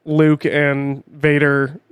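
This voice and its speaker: Rambling, swearing podcast co-host. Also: male voice, fairly high pitch, drawn-out words, smooth, no echo. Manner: rambling, swears often, animated asides. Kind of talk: casual chat.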